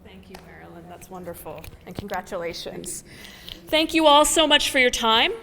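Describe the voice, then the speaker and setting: A woman host closes a meeting with brisk, gracious thanks. Her voice has an ordinary middle pitch and a long reverb around it. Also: big pitch swings, creaky, bright, forceful tone. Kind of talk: closing remarks.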